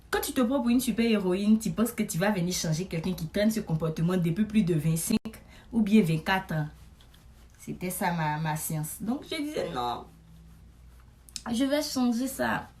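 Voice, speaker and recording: Animated woman telling a comic story. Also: medium pitch. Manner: animated, chatty storytelling with frequent asides to the listener. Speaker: comedic storyteller. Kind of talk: comic monologue to camera.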